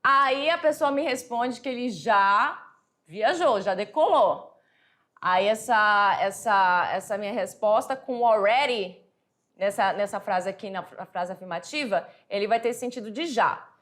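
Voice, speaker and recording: A woman's voice: mid-range voice, expressive, a bit bright. Patient Brazilian woman teaching English. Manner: explains patiently, repeats words, reads English examples slowly. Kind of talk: classroom lesson explanation.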